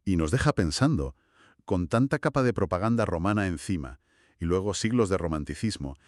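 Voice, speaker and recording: Deep-voiced man, reflective podcast co-host. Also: animated, fairly quick, no echo, studio quality. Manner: reflective, prompts with questions and summaries. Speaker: podcast co-host asking questions. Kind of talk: conversational history podcast.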